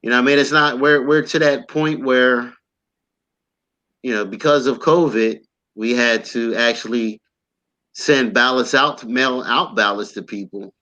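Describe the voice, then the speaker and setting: A man's voice: mid-range voice, a little slow, bright, forceful tone. A man co-hosting a casual political talk, speaking loosely with plenty of "you know". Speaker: podcast co-host. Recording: slightly dull, lo-fi sound.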